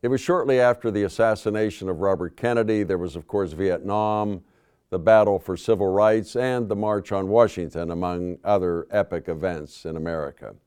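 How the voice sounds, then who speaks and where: An older man recounting a personal story at a public forum, in a measured, dry manner. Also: deep voice, a little mellow, smooth.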